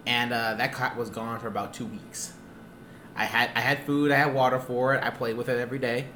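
A young man casually telling a funny story on a podcast, animated and quick to act out other people's lines. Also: a little hiss or hum. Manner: animated, acts out quotes in high squeaky voices. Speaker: podcast co-host.

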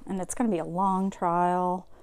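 A woman with a slightly low voice speaks as a podcast host in a casual, chatty way. She is opinionated and conversational, with frequent fillers as she thinks aloud. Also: level tone, moderate pace, darkish tone, clean tone, dry recording. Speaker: podcast host recapping a documentary. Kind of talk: casual chat.

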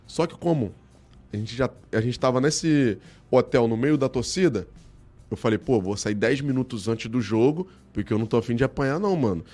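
A man's voice: medium pitch, brisk. A man with a Brazilian Portuguese accent from Rio, telling anecdotes in slangy, casual chat as an interview guest. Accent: Brazilian Portuguese, Rio de Janeiro. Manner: slangy, animated storytelling. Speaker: guest, celebrity look-alike and comedy performer.

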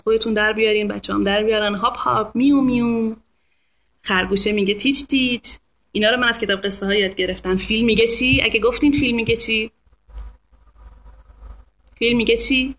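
A woman's voice: a little high, fairly bright tone. A woman hosting a casual live talk for an online audience, speaking in a chatty, playful way and now and then imitating animal sounds. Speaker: host of a live talk on reading to babies.

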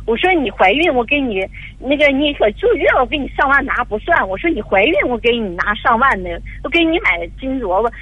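A woman's voice: on the high side, lively intonation, fairly quick, husky, no room sound. An older woman, calling in to an advice radio show and telling a long, tearful story with many fillers. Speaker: caller. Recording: dull lo-fi phone line.

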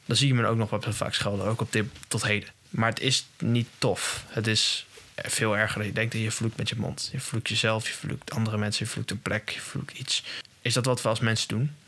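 A man's voice: fairly low pitch, little pitch movement, a little fast, sharp tone. A young man hosting a podcast, talking in a casual monologue and often restarting and searching for words. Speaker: podcast host.

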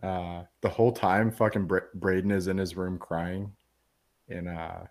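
Male podcast host, lower register, casual profane movie recap with quoted dialogue. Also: little pitch movement, unhurried, darkish tone. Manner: profane, rambling retelling with quoted voices.

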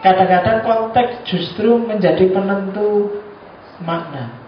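A man's voice: high voice, measured pace, soft background music. Joking lecturer man, echoey and distant. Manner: joking, chatty, acts out examples. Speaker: university lecturer. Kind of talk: classroom lecture. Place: lecture room. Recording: echoey room from afar, dull lo-fi, background noise.

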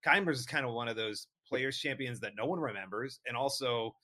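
A man's voice: mid-range voice, a little fast, sharp tone. A man co-hosting a casual golf discussion, speaking in an opinionated, conversational way. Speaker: podcast co-host.

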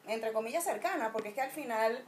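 A woman's voice: on the high side, animated, fast, slight background noise. A woman from Venezuela with a Venezuelan accent, chatting casually in a frank, opinionated and slangy way. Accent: Venezuelan Spanish. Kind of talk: casual chat.

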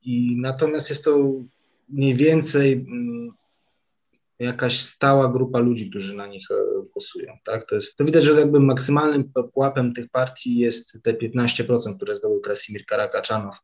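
Male expert guest, mid-pitched, measured and hesitant delivery. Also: steady tone, darkish tone. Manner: measured, hesitant with frequent fillers. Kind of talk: analytical discussion.

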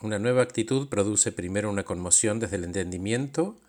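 A calm therapist with a Rioplatense accent recounting a session. He tells it in a reflective way, with a voice that sits on the low side. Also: fairly quick. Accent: Rioplatense Spanish.

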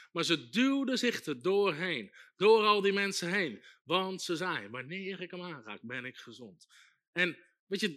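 A man preaching a sermon with emphatic repetition, building to loud exhortation. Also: high-pitched.

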